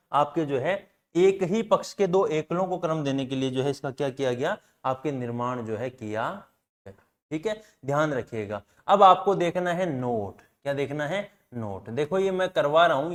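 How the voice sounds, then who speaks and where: A man teaching a library science class, asking questions aloud and answering them himself, repeating key points for students to remember. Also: a little high. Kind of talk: classroom lecture.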